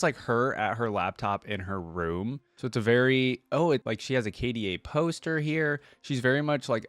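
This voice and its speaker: Thinking out loud in a loose, rambling way, a male reaction video host gives spontaneous commentary peppered with "like" and "you know." He speaks at a medium pitch, and there's no room sound.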